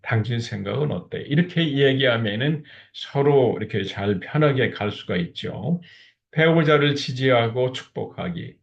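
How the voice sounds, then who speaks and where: Middle-aged guy lecturing about couples talking, low gravelly voice, kinda muffled lo-fi recording. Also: lively intonation, a little slow. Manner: explains steps, then acts out sample couple exchanges. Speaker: lecturer on marriage communication. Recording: dull lo-fi recording.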